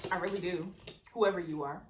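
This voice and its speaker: A woman's voice: fairly low pitch, fairly even intonation, a little fast, echoey room, background noise. A young woman, chatting casually and rambling while she eats for her mukbang vlog. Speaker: vlogger.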